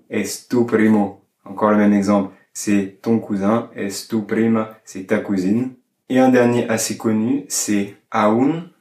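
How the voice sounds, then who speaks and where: A man's voice: lowish voice, a little mellow. A man teaching a Spanish lesson in French, explaining patiently and spelling words out letter by letter. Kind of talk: language lesson to camera. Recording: echoey room.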